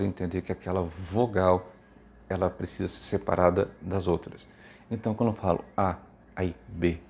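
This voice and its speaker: A man's voice: on the low side, creaky, warm tone, a little hiss or hum. A Brazilian man speaking informally to parents and teachers, explaining literacy tips and sounding out letters with emphasis. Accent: Brazilian Portuguese.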